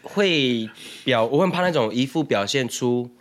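A man co-hosting a casual podcast, bantering playfully and giving gentle advice. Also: mid-range voice, animated. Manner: quick, playful banter, mock-acting both sides of an exchange. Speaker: podcast co-host. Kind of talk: casual chat.

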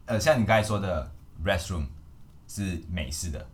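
A Malaysian podcast host with a low, expressive voice chats playfully at a normal speed, mixing English phrases into the conversation.

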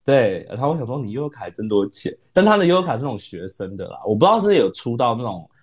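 A man's voice: mid-range voice, very animated, fast talker, breathy edge. A man from Taiwan with a Taiwanese Mandarin accent, co-hosting a podcast and telling a rambling story in casual chat, restarting sentences and dropping in English words. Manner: rambling, self-correcting, mixes in English words, laughs often. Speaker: podcast co-host.

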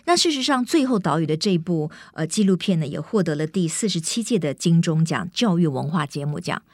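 A middle-aged woman from Taiwan hosting an interview in carefully standard Taiwanese Mandarin, clearly enunciated and effusive. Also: fairly low pitch, expressive, a little fast, a little mellow, no echo, studio quality. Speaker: interview host. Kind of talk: conversational hosting.

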